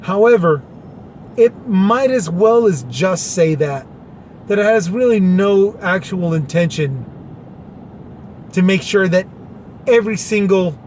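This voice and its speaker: Sarcastic high-voiced man commenting. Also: animated, takes it slowly, long pauses, darkish tone, a little hiss or hum. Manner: sarcastic, paraphrases in plain terms. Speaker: commentary vlogger. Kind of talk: reading and commenting on a government order.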